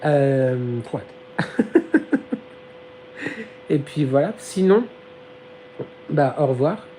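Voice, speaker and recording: A live-stream host with a dark, medium-pitched voice chats casually with viewers, expressive and drawing out his words, giggly and slangy while losing his voice. The low-quality phone recording has a little hiss or hum and a fan humming behind the phone.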